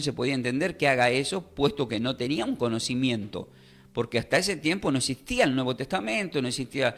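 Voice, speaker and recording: Emphatic male radio preacher, mid-pitched voice, faint music in the background. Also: fairly bright tone. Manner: emphatic, repeats and spells out words. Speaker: Bible teacher. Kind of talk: radio Bible class.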